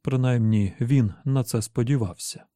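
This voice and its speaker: A male audiobook narrator reads in a steady, measured way. His voice is very dark and mellow, and the recording is close and completely dry. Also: medium pitch, no echo. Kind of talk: scripted narration.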